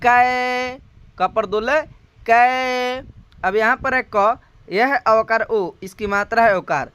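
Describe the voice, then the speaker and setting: A man with a Hindi accent teaching the Hindi syllable chart in a slow classroom manner, drawing out each sound and asking rhetorical questions. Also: sits high, sharp tone. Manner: drawn-out spoken syllables, repeated rhetorical questions.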